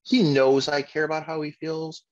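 A man's voice: a little high, little pitch movement, moderate pace. A middle-aged man tells stories in a blunt, profane, no-nonsense way, chatting casually on a podcast. The recording sounds a little muffled and lo-fi. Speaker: podcast co-host. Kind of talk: casual chat. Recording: muffled lo-fi audio.

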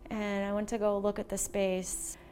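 A Slovak-born American woman who moved to the US at seven speaks casually and enthusiastically in an interview about being a small business owner, textile designer and shopkeeper. Her mid-range voice has a completely flat delivery and a somewhat dark tone at a normal pace, with soft music in the background.

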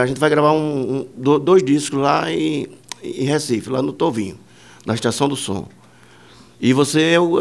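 A man's voice: fairly high pitch, creaky. A man, a musician and producer, telling rambling anecdotes in a casual interview, full of fillers and quoted dialogue.

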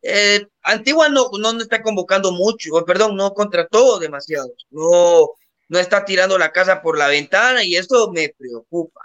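Guatemalan dude, bright sharp high voice, opinionated about football. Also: male voice, moderate pace, highs cut off. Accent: Guatemalan Spanish. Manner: opinionated, emphatic, uses "vos". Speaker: podcast co-host. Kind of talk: casual sports chat.

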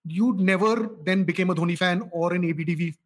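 A man's voice: sits high, fairly quick. A man with an Indian accent chatting casually as a cricket show panelist, mixing Hindi and English and repeating words. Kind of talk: casual chat switching between Hindi and English.

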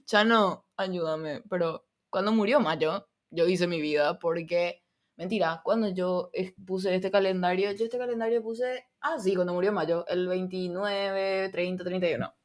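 A young woman from Paraguay hosts her own podcast, talking casually on her own. Her Spanish carries Argentine touches, and her voice sits a little low for a woman. She rambles from thought to thought, giggles often and pokes fun at herself. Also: fairly even intonation, unhurried. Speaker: podcast host. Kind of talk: casual solo podcast chat.

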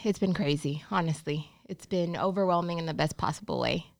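Gravelly-voiced woman from Honduras, chatty. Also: low voice, brisk, dry recording, clean studio sound. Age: 30s. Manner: chatty, storytelling, upbeat. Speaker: bakery owner, guest. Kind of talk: casual interview chat.

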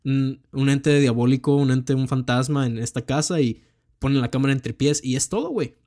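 A man's voice: mid-range voice, normal speed, a little mellow. A young man with a Mexican accent, chatting casually about films with plenty of slang and swearing. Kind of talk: casual film chat.

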